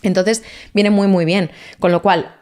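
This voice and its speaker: A woman speaks in a podcast interview as a language teacher. She explains at length and with energy, dropping English words into her sentences. Her voice sits at an ordinary middle pitch. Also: fairly even intonation, measured pace, a little mellow. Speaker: language teacher, guest expert.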